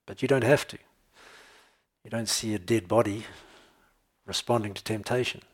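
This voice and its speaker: Male pastor, low husky voice, relaxed conversational preaching with humor. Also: moderate pace. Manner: conversational, tells jokes and laughs, checks in with "okay?". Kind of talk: sermon.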